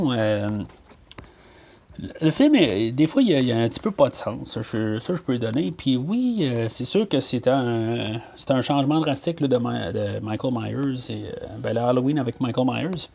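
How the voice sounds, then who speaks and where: A man's voice: mid-range voice, lively intonation, moderate pace, creaky, darkish tone. A man with a Québécois French accent hosting a podcast, reviewing a film in casual talk, full of fillers and restarts. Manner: hesitant, many fillers and restarts. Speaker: podcast host.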